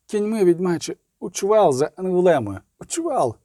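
A man voicing a young knight yelling urgently. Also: high voice, big pitch swings, normal speed, no room sound, studio quality, pitched above the performer's own voice. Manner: urgent shouting. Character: young male knight, shouting and bleeding.

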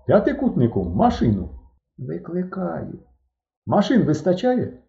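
A man's voice: wildly swooping pitch, unhurried, vocal fry, full character voice. A man voicing an alien impostor who speaks through a captured man's body in a sad, mournful way. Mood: clipped. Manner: mournful, sighing, high and strained. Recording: dull, roomy recording.

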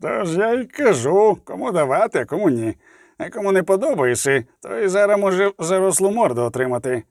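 A stubborn escort guard growls in a raised, gruff voice, voiced by a male narrator. The reading is dry and close. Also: high voice, big pitch swings, brisk, a little mellow, dry recording, pitched above the performer's own voice. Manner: growling, defensive.

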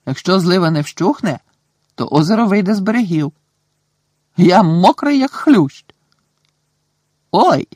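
A man's voice: sits high, expressive, normal speed, pauses often, a little mellow, no echo, clean studio sound, pitched above the performer's own voice. A man voicing a soaked teenage schoolboy who complains and exclaims. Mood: soaked complaining.

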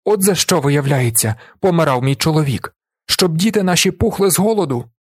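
A desperate poor woman, a widowed mother, pleading in a strained, raised voice as a man puts her on. The pitch climbs high and the tone stays husky. It sounds close and dry. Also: lively intonation, a little fast, no room sound. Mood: anguished.

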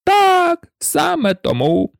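A reader voicing an eccentric, mournful male hatter in a storybook, rambling and excitable, with frequent hesitations. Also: extremely high pitch, slow pace, vocal fry, no echo, studio quality, pitched above the performer's own voice, exaggerated voice. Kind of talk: storybook reading.

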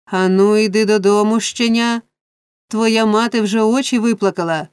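Woman doing a gruff, bullying brute of a man. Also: medium pitch, fairly even intonation, darkish tone, no echo, studio quality, close to an everyday voice. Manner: gruff, barking, slow. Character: rough, brutish man, bullying.

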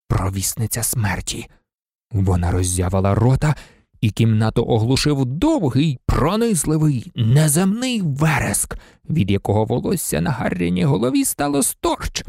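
Expressive book narration, lively pitch swings, dry close sound, mid pitch. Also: normal speed, creaky, husky, dry recording. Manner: animated, shifting pitch for drama. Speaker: audiobook reader.

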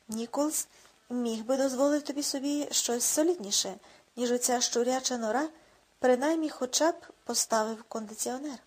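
A woman voicing a tall, sharp-tongued young actress in a storybook reading, grumbling and sarcastic. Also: sits high, slightly rough.

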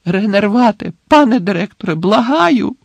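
Casual: guy doing a desperate teen wizard yelling, high pitched, breathless, dry mic. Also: expressive, moderate pace, creaky, no echo, heavily acted. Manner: shouting, urgent and breathless. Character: frantic teenage boy wizard, desperate.

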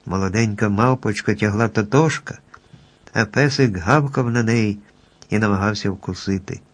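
A man calmly narrating a children's storybook at an even pace. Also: on the low side, moderate pace.

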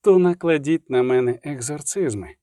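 A man's voice: on the high side, very animated, dark tone, no echo, studio quality. A man doing a cool, ironic barber. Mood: cold. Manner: composed, cool and measured. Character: calm ironic male barber, cool and mocking.

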